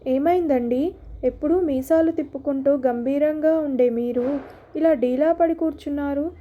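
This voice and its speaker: A woman's voice: sits high, moderate pace, narrow, tinny audio, slight background noise, close to an everyday voice. A woman voicing a worried middle-aged wife who pleads anxiously with her husband.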